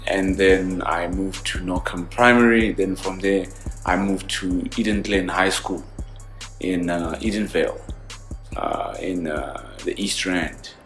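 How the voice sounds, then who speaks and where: A man from South Africa in his thirties answers interview questions in loose, rambling speech, full of fillers and restarts. His voice sits fairly low. The room rings with echo, and faint music plays underneath. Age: 30s. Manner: talkative, many fillers and restarts. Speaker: interview guest, forex trader and author. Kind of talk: casual interview.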